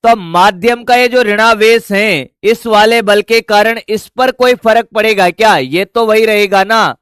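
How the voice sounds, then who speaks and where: A man with a high, smooth voice teaching physics at an unhurried pace. He keeps firing questions at the class and answering them himself, with a casual, familiar way of addressing the students. The sound is dry and close. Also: fairly bright tone, dry recording. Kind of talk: physics lesson.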